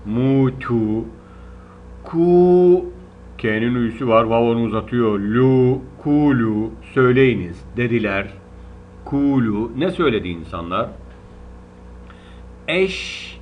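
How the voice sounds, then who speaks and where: A man's voice: medium pitch, lively intonation, a little slow. A man with a Turkish accent teaching Quran reading, patiently drawing out syllables and drilling them again and again. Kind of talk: slow spelling-out lesson. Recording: dull lo-fi recording with faint hiss.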